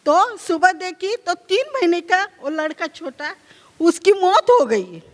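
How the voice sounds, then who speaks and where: A woman telling her own life story at a gathering, in a halting, repetitive way, often asking herself what she should do. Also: very high-pitched, sing-song. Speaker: conclave speaker sharing a personal story. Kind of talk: first-person testimony. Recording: long hall reverb.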